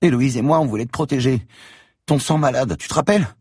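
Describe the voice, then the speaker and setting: A man's voice: fast, darkish tone, breathy edge, dry recording, clean studio sound, lightly acted. A man doing an eerie, menacing little girl. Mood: pleading. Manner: pleading and threatening in a high childish voice. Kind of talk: audiobook reading.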